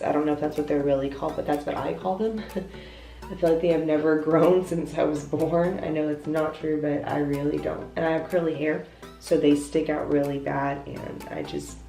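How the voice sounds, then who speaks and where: Deep, creaky, and dark in tone, a young woman talks at normal speed through a makeup tutorial, sounding stuffed up so her voice drops lower than usual. As a beauty vlogger she's casual and self-deprecating, explaining each step. The off-mic sound echoes off a hotel bathroom, with faint music in the background.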